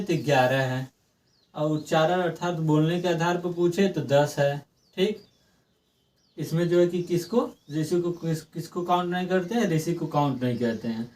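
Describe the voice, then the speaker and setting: A young male teacher with a fairly high voice, picked up from a little way off the mic. He drills exam-prep grammar, keeps circling back to the same points, and stretches sounds out slowly when he demonstrates them. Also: a little mellow, far from the mic. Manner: repetitive, asks and answers own questions.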